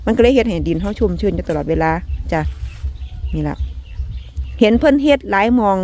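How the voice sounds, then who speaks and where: A woman's voice: mid-range voice, lively intonation, brisk. A woman with an Isan accent hosting a casual garden vlog, talking in a folksy, chatty way to her viewers and laughing often. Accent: Isan (Northeastern Thai). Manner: chatty, folksy, ends phrases with soft polite particles, laughs often. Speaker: vlog host. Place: rural home garden, outdoors.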